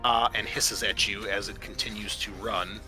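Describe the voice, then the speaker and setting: Serving as game master, a man explains rules and narrates a tabletop roleplaying game in a halting, informal way. His voice is lowish and flat, the audio quality is poor, and music plays in the background.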